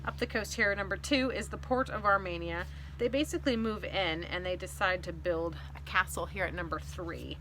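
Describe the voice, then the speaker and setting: Speaking at a normal pace in a lowish register, a woman in her thirties or forties hosts her own video as a fantasy author. Her casual vlog to viewers is expressive and explanatory, over faint ambient noise.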